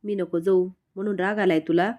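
A woman's voice: lowish voice, fairly even intonation, a little fast, a little mellow, close to an everyday voice. A woman voicing a moody grown man who teases and bargains dramatically with his sister. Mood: teasing. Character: moody grown man, teasing, stubborn brother.

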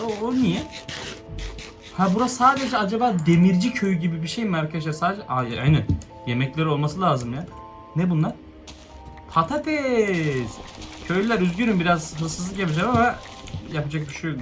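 A young man commenting on his own Minecraft game, swinging between hushed muttering and frustrated yelps. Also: high voice, sing-song, a little fast, soft background music. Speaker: gaming YouTuber. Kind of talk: Minecraft let's play commentary.

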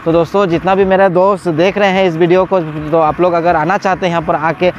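A man's voice: high-pitched, lo-fi sound, a little hiss or hum. Chatty man vlogging outdoors by phone. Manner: chatty, excited, laughs often, many filler pauses. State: has a cold. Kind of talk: casual vlog commentary. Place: outdoor water park, light rain. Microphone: phone selfie at arm's length.

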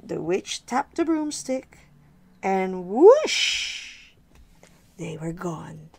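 A woman reading a rhyming picture book aloud for children, expressive and sing-song. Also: fairly low pitch, slow pace, creaky, breathy edge. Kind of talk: storybook read-aloud for kids.

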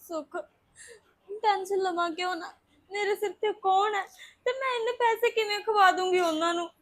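Playing a worried young wife tearfully seeking justice, this Punjabi web-series actress has a very high, fairly bright voice and keeps a normal speed.

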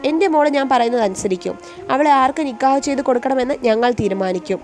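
A woman voicing a stern, curt father, a bit high, soft music underneath. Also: quick pace, close to an everyday voice. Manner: curt and scolding. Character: stern middle-aged father refusing a match. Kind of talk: storytelling voice acting.

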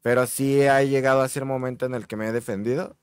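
A man's voice: medium pitch, fairly even intonation, quick pace, clear, resonant tone, no room sound, clean studio sound. A masked male wrestler with a Mexican accent, speaking casually as a podcast guest and talking in an easygoing, hesitant way with many fillers. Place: indoor studio set with a backdrop. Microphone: table microphone on a stand.

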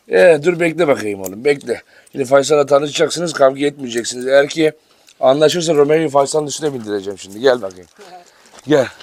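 A man hosting a casual farm vlog, talking to viewers and coaxing his animals with fond, affectionate words. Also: mid-range voice. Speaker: dog farm vlogger. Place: outdoor farm yard with dog cages. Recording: outdoor noise with barking dogs. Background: dogs barking.

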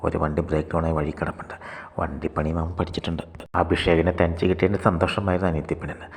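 Very deep, gravelly storyteller man. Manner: steady, quick read-aloud. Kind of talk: scripted story narration. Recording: long hall reverb.

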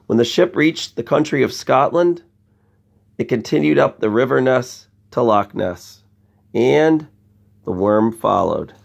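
Reading a bedtime picture book to kids, this man uses a gravelly, medium-pitched voice. He performs the story expressively and keeps breaking off to chat with his young audience and ask them questions.

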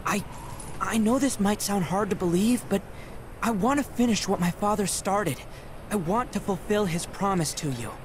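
Man doing an earnest young beast, high voice, determined, faint noise behind. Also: normal speed, close to an everyday voice. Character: young male beast, earnest son of a fallen guardian. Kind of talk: game cutscene voice acting.

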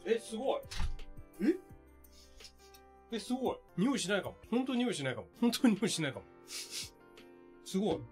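A man unboxing products on a stream, chatting casually and exclaiming in surprise with rough, informal speech. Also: high-pitched, sing-song, moderate pace, long pauses, darkish tone, faint music behind.

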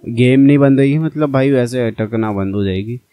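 A man's voice: mid-range voice, normal speed, warm tone, no echo. A young man giving casual, chatty commentary on his own gameplay and talking straight to his viewers. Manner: chatty, addresses viewers as brother. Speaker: gaming channel host.

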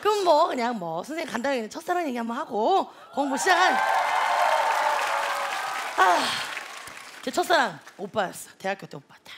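Guy doing a loud show-off lady lecturer, squeaky high and gravelly, crowd roaring behind. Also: big pitch swings, moderate pace, pauses often, heavily acted. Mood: brash. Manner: loud, bragging, teasing the audience. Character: brash chatty young female online-lecture teacher. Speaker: comedian in a sketch. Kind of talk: live sketch comedy. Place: TV comedy stage. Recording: studio audience laughter and noise.

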